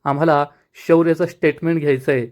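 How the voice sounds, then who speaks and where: A man plays a meek police inspector in a retold serial, speaking deferentially and apologetically. His voice sits fairly high, and his manner stays humble and eager to please. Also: steady tone, fast, darkish tone, close to an everyday voice.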